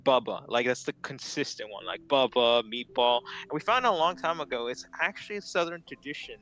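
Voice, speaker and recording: A man's voice: on the high side, big pitch swings, fast, pushed and bright, rough recording. A man chatting casually, rambling and laughing often. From Philippines. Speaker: streamer chatting while drawing. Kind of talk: casual chat.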